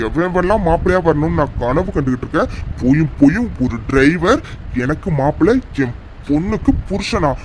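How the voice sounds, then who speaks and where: Man playing a snobby rich dad in a cartoon, scolds and sneers, slow taunts. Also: fairly high pitch, a little hiss or hum, poor audio. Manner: scornful, scolding, drawn-out taunts. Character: rich arrogant middle-aged father, contemptuous. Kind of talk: cartoon serial voice acting.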